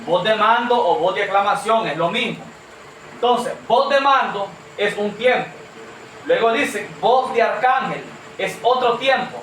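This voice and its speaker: A man's voice: sits high, fairly bright tone, slight background noise. A man preaching a sermon to a congregation, earnest and questioning, calling them brother. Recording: echoey room from far off.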